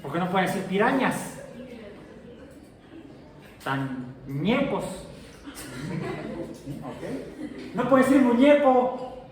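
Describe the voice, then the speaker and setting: High-voiced male teacher in echoey classroom. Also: expressive, moderate pace, crowd noise. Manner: chatty, jokey, asks the class questions. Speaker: science teacher. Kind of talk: classroom lecture. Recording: echoey classroom from far off, faint noise.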